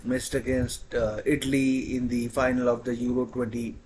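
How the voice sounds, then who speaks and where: A man commentating live on a football shootout as an anxious fan, halting and repeating his phrases. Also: medium pitch, level tone, noisy background. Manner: halting, hesitant delivery. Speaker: football watchalong host.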